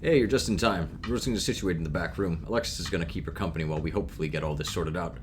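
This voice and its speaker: A man voicing an eager young male ghost hunter who excitedly rattles off lists of gear, in a read-aloud story game. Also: low voice, very fast, a little hiss or hum, lightly acted. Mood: earnest.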